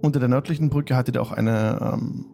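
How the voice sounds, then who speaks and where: A man hosting a tabletop game stream as game master, narrating the recap in a deliberate storytelling manner with drawn-out phrases. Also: medium pitch, fairly even intonation, gravelly, mellow, faint music behind.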